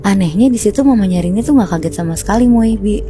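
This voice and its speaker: A woman's voice: medium pitch, animated, quick pace, mellow, soft background music. A woman casually telling a horror story to friends on a podcast, chatty and slangy, calling her listeners by nicknames.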